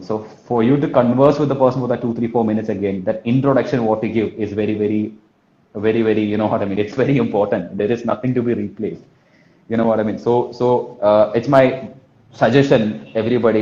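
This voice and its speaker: A man from Kerala with a medium-pitched, dark voice and a Malayali Indian English accent gives informal telesales-trainer coaching. He repeats for emphasis and often checks in with "right?" and "you know what I mean?" The audio echoes roomily and sounds muffled and dull.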